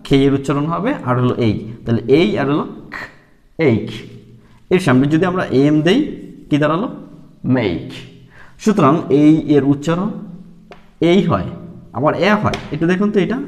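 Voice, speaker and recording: A man's voice: on the high side, big-room sound. A man teaching beginners English letter sounds, explaining patiently and repeating each sound several times. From Bangladesh. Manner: repeats sounds slowly, with many fillers.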